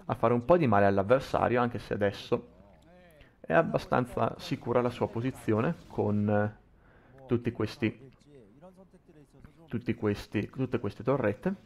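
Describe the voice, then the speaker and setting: A man's voice: medium pitch, a little slow, creaky, pauses often, a little mellow. A man giving live commentary on a video game match, often repeating and reworking his phrases as he goes. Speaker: esports commentator.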